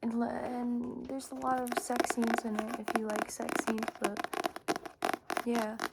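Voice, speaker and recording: A woman chatting casually and softly in an ASMR style about things, rambling and hesitant, in an informal way. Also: on the high side, flat delivery, a little slow, vocal fry. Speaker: ASMR book reviewer. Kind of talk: soft casual ASMR chat. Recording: noisy, with clicking and shuffling handling sounds. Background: tapping and scratching on books.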